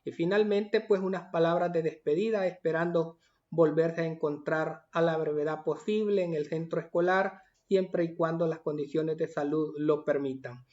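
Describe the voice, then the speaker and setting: A man's voice: fairly high pitch, fairly even intonation, moderate pace, darkish tone, lo-fi sound. A male teacher patiently explaining a language worksheet to his pupils, reading items aloud and then explaining them. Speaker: primary school teacher.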